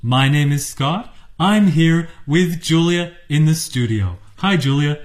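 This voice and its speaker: A man's voice: on the high side, expressive, takes it slowly. A man co-hosting a studio radio English lesson, reading vocabulary words distinctly for listeners to repeat. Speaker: radio co-host.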